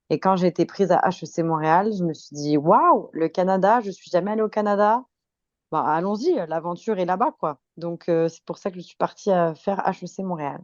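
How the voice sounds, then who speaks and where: On a podcast, a woman in her twenties from France tells anecdotes in a relaxed, cheerful chat, her French accent lightly touched by Québécois. Her voice sits on the low side, and the audio is dry and dull.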